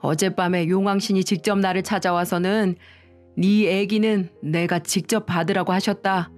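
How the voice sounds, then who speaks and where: A woman's voice: mid-range voice, fairly even intonation, moderate pace, a little mellow, faint music behind, natural voice. A woman voicing a stern elderly father-in-law who is fixated on omens, speaking in a solemn, grave way in a spoken story.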